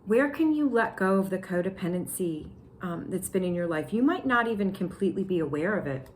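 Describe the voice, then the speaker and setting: A young woman giving a tarot reading to her viewers, excitable and slangy, talking straight to them. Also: on the low side, a little fast, a little hiss or hum. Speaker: tarot reader. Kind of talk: casual tarot reading to camera.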